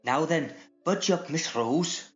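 A woman's voice: low-pitched, lively intonation, slow, dull audio, soft background music. A woman voicing a cheeky, bawdy male gardener full of innuendo. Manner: saucy, innuendo-laden.

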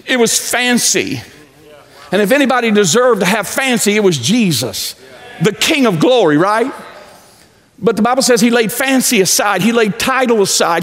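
A pastor in his forties preaching a sermon on a large church stage, pacing as he talks and swinging from loud to low. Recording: echoey church hall.

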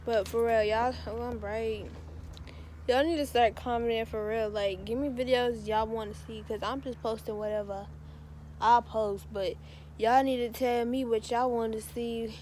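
A woman's voice: fairly high pitch, fairly even intonation, moderate pace, darkish tone. A young woman vlogging from an outdoor park, talking loosely and straight to her viewers in slangy chat, a bit out of breath. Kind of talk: casual vlog chat. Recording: noisy outdoor phone audio.

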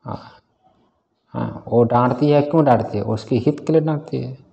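A man's voice: mid-range voice, moderate pace, creaky, dark tone, highs cut off. A man teaching a scripture class in a casual way, often quizzing his students and chuckling. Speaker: Vedanta teacher.

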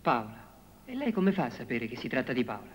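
Earnest, animated Latin tutor. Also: male voice, mid-range voice, fairly quick, slightly rough. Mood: flustered, pleading. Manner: earnest, formal. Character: earnest, lovestruck, flustered male Latin tutor. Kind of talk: film comedy dialogue.

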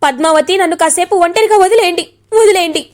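A woman's voice: very high voice, fast, pitched above the performer's own voice. Woman playing a distraught devoted wife. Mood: upset. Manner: pleading, crying out.

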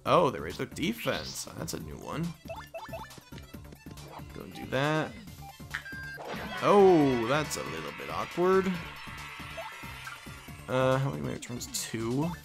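Here the let's play host is a young adult man with a mid-range, creaky voice whose pitch swoops wildly; he speaks slowly, leaving long pauses. He rambles casually about the video game he's playing, its music audible behind him.

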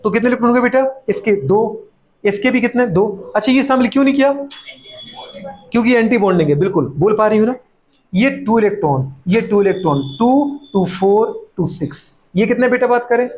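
High-voiced man teaching chemistry, teasing. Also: animated, darkish tone. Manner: playful scolding, voices students' replies; fast repeated catchphrases and rhetorical questions. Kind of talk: classroom lecture.

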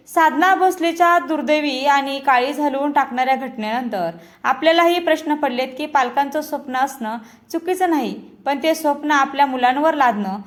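A woman narrating a true-crime story in a scripted, solemn way, speaking directly to her viewers. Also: high voice.

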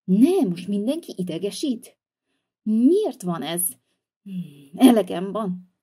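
A sulky, hot-tempered young boy, voiced by a woman for a toy-figure video. He whines and talks back in a mellow voice that leaps up and down in pitch. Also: big pitch swings, breathy edge. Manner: whiny and defiant.

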